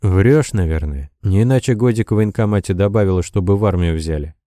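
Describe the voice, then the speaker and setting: A young pilot speaks calmly and firmly, with the sound of someone used to giving orders, as a man voices him. His voice is low and dark, recorded dry and close. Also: brisk, no room sound, lightly acted. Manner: calm and commanding. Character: young male pilot, calm, firm officer.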